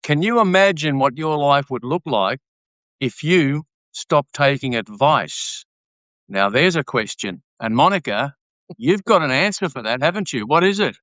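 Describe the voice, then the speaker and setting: A man co-hosting a casual talk, speaking in a measured way with many fillers and restarts. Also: a little high, expressive, a bit bright, no echo. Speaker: podcast co-host. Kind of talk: casual conversation.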